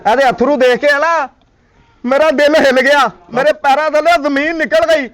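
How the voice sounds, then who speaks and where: Man playing a shrill, meddling brother-in-law. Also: fairly even intonation, normal speed, a bit bright. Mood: probing. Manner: accusing, nagging with questions. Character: wife's brother, a hot-tempered meddler who stirs up quarrels.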